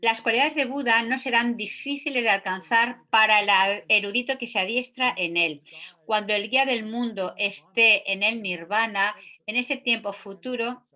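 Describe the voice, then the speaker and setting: Bright-voiced woman teaching a sutra. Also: on the high side, normal speed. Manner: hesitant, many filler sounds, reads passages aloud. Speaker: Buddhist teacher or interpreter.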